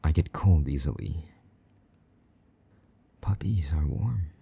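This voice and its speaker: Taking on a possessive, jealous vampire knight for an intimate roleplay, a man uses a low murmur that slides into soft whispers, teasing and a little gruff. He's animated yet slow, with an exaggerated voice and a tender mood.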